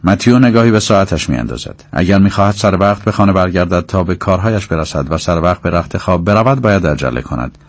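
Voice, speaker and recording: A man narrating an audiobook in a measured, descriptive way. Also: deep voice, animated, dry recording.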